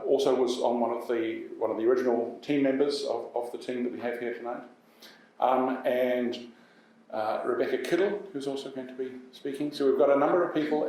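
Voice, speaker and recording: New male MC, mid pitch, stumbling delivery, distant in a big reverberant hall. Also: a little mellow. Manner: halting, many uhs and restarts. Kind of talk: hosting an event. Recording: echoey hall from far off.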